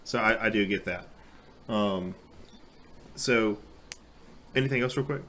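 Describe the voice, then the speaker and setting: A man's voice: fairly low pitch, unhurried, fairly bright tone, a little hiss or hum. A man acting as game master in a casual tabletop session, laid-back and patiently explaining how the game works.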